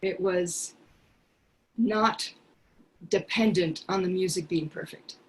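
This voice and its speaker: An older woman from Peru, a singer, talking earnestly and reflectively from her living room on a video call, pausing often. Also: on the low side, poor audio. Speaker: singer sharing a song. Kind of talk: casual video call chat. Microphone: headset mic on video call.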